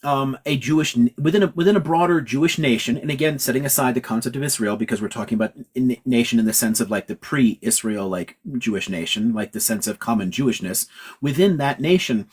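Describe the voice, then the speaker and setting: A man's voice: medium pitch, a little fast, slightly rough. A man from California, a professor hosting a livestream Q&A, explaining ideas emphatically in a lecturing way and swearing casually. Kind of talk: livestream lecture-style chat.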